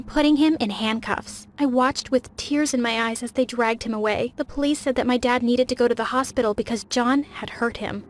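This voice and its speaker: A young woman giving scripted first-person narration of an animated story, with a dramatic, emotional delivery. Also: a little high.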